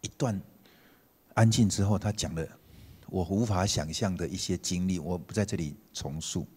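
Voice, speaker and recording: A lower-pitched man preaching, his voice husky and a bit rough. He tells his story animatedly, rising to emphatic peaks, then dropping to a hushed, tender tone. The sound rings with the long reverb of a church sanctuary. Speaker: pastor. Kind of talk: storytelling sermon.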